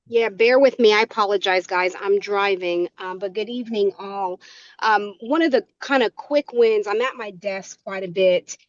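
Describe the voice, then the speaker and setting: A woman talking in a quick, informal way over a phone line that breaks up, calling in from her car. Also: mid-range voice, no room sound. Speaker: call participant. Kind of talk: casual group video call. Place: in a moving car. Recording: dry muffled phone line.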